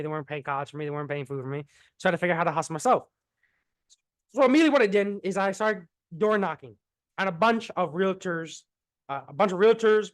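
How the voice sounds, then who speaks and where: High-voiced man, rambling business talk. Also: a bit bright, no room sound. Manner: rambling, repeats words, swears casually. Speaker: marketing entrepreneur.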